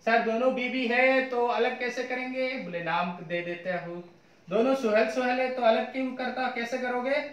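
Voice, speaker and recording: Echoey physics teacher lecturing. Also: male voice, very high-pitched, moderate pace, lo-fi sound. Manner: mixes English terms into Hindi, asks students questions often. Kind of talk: classroom lecture. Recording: echoey room.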